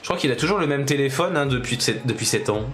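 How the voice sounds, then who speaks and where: A man streaming video games, chatting casually, reacting with quick jokes and frequent swearing. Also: mid-range voice, animated, fairly bright tone, soft background music. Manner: reactive, swears, jokey asides. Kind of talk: casual gaming commentary.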